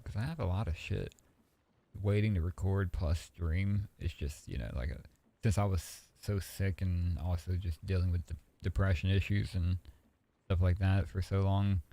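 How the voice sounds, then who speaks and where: A man streaming, chatting casually in a relaxed, rambling way and swearing freely. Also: low voice, gravelly.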